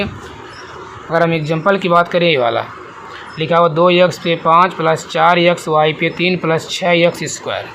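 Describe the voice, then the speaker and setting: High-voiced man teaching a math class. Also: a bit bright, slight background noise. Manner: asks the class questions and answers them himself; repeats and rephrases definitions slowly. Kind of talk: classroom lesson explanation.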